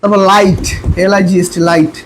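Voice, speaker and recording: A very high-pitched man with a Bangladeshi Bengali accent races through an online grammar lesson from his room. He keeps firing questions at his students and repeating each point, and a faint background noise sits under his voice. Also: fairly even intonation, brisk, rough recording. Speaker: admission coaching lecturer.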